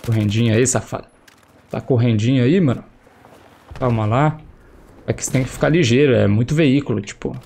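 Speaking through a headset over faint in-game gunfire and explosions, this young male streamer has a Brazilian Portuguese accent and a mid-range, gravelly, dark voice with a little hiss or hum. He's brisk but pauses often, chatting in slang and exclaiming at his own gameplay. A lingering cold leaves his voice slightly affected.

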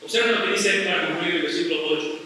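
A man's voice: sits high, quick pace, bright, forceful tone. A middle-aged man pastor preaching a sermon, stressing points by repeating phrases and asking the congregation rhetorical questions. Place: church sanctuary. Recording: very echoey church hall, voice from far off, faint noise.

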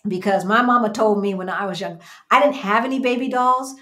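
This American co-host, a woman in her fifties, speaks a bit fast with a medium pitch and a fairly bright tone. Sitting in a small room at home during a casual livestream, she reads viewer comments aloud, emphatic and prone to repeating phrases.

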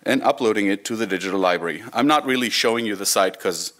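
A fast-talking Israeli man in his thirties, a Hebrew speaker, has a fairly low, slightly bright voice. Working as a volunteer digital librarian, he gives an informal, wry conference talk with some storytelling from a lectern in a conference room.

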